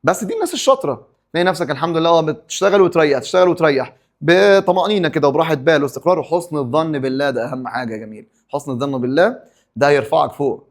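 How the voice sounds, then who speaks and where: Egyptian man, fast-paced teacher, somewhat high voice, quizzes himself aloud. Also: lively intonation. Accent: Egyptian Arabic. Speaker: English teacher. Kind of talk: exam review lesson.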